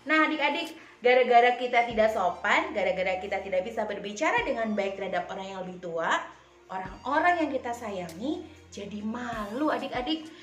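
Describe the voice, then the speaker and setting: Lively woman teaching children. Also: on the high side, brisk, echoey room, faint music behind. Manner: lively, acts out examples for children. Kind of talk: children's lesson video.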